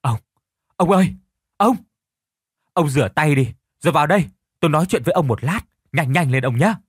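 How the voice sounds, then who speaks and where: A man's voice: on the high side, fast talker, husky, no echo, studio quality. Man putting on a tearful, pleading old village wife. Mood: urgent calling. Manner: wailing, near-crying pleas.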